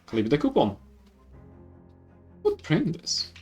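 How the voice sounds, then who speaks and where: A man's voice: a little high, wildly swooping pitch, takes it slowly, darkish tone, lo-fi sound. Polish-accented man reading game text. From Poland. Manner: reads with stumbles and self-corrections. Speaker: gaming YouTuber. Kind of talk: let's play, reading game text aloud. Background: faint game music.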